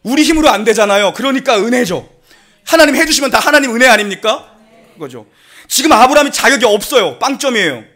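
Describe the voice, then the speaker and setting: Man, middle-aged, pastor, sermon, high voice, quick talker, joking conversational preaching. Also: lively intonation, bright, forceful tone. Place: church sanctuary.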